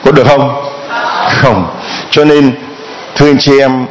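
Vietnamese priest preaching, rhetorical questions. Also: male voice, mid-range voice, a little slow, noisy background. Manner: rhetorical questions answered aloud, quoting parishioners' pleas. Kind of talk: Gospel reading and homily.

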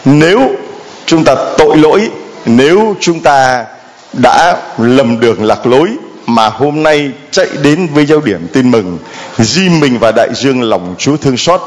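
A man's voice: medium pitch, big pitch swings, a little slow. A man preaching a sermon as a priest, telling the story dramatically and animatedly, with sound effects.

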